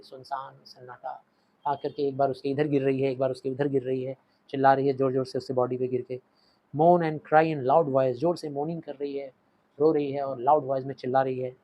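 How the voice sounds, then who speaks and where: A man teaching a short story in Hindi, reading English lines with an Indian accent and acting out quoted lines before dropping to quiet asides. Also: mid-range voice, level tone, fairly quick, dull audio. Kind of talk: explaining a story in Hindi lecture.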